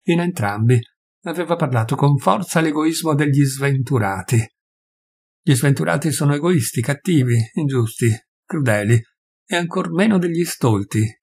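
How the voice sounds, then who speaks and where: A man reading a literary short story aloud in measured audiobook narration. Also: medium pitch, a little mellow, breathy edge. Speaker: reader.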